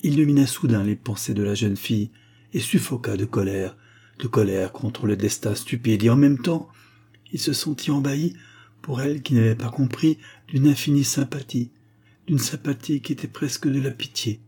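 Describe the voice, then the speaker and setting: A man narrating a literary story in a measured reading voice. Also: medium pitch, warm tone, slightly rough. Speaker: audiobook reader. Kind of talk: scripted narration.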